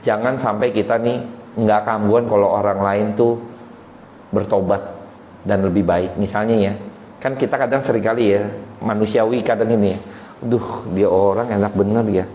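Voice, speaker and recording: A man's voice: lowish voice, fairly even intonation, moderate pace, a little mellow, a little hiss or hum. A man pastor preaching a sermon in a casual, chatty way, talking straight to the congregation. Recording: roomy dull hall sound with faint ambience.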